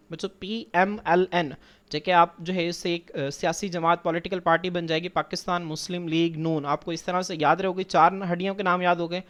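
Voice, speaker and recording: In a high, slightly bright voice, a man gives a classroom biology lecture over slides. He patiently repeats points, asks himself questions and answers them, speaks to his students as children, and mixes English science vocabulary into the lesson.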